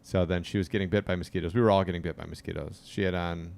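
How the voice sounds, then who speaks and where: A man's voice: low-pitched, steady tone, fast, vocal fry, darkish tone. A young man hosting a casual podcast, telling stories with dry teasing humor. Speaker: podcast host.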